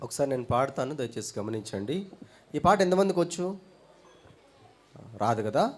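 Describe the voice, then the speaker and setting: A man's voice: medium pitch, very animated, normal speed. A man teaching at a children's Bible school, chatting casually and quizzing the kids with playful questions.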